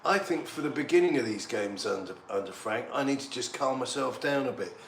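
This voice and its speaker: A man, a little tipsy, giving excitable, rambling banter while streaming a football match. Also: medium pitch, fairly quick, creaky. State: slightly tipsy. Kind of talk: casual live match commentary. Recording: echoey room, faint background noise.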